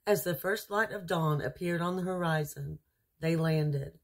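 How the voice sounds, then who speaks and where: Female storyteller for children's picture books: unhurried, lowish pitch, husky, expressive. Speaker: storyteller reading aloud.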